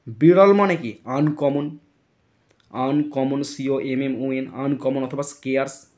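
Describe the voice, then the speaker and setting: A man with a slow, slightly mellow mid-range voice teaches an English grammar lesson step by step. He spells words out letter by letter and keeps asking questions to check that his students are following.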